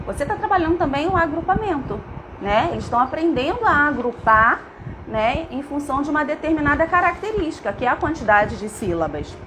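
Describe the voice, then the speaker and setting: A woman's voice: sits high, fairly bright tone, slight background noise, poor audio. A middle-aged woman with a Brazilian Portuguese accent, a teacher giving a live online lesson and often checking in with her viewers. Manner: addresses viewers as "gente", checks in with "né?" and "tá?".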